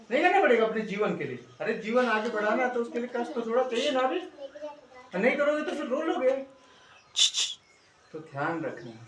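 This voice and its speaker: A middle-aged male schoolteacher, teaching a class and coaxing the pupils with constant check-in questions. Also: very high-pitched. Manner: coaxing, keeps asking "है ना?". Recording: echoey room, distant mic, faint noise.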